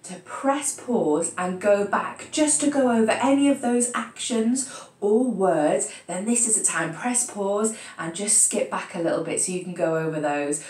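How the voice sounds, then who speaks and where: A British woman music teacher leading a children's lesson, encouraging them and chanting a rhyme in a slow, steady beat. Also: medium pitch. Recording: echoey room from a distance.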